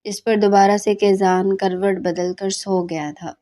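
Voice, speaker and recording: Mellow-voiced woman narrating a novel. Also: medium pitch, a little slow. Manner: steady storytelling. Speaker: audiobook narrator.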